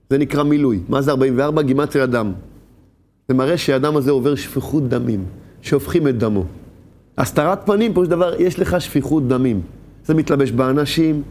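Brief: high-pitched male religious teacher, animated Torah lesson, rhetorical questions, sudden louder bursts.

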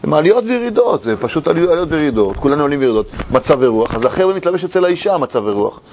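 A rabbi gives a religious lecture in a fairly high voice that swings widely in pitch. He tells it with a storyteller's animation, acting out the voices of a quarrelling husband and wife. There's slight background noise.

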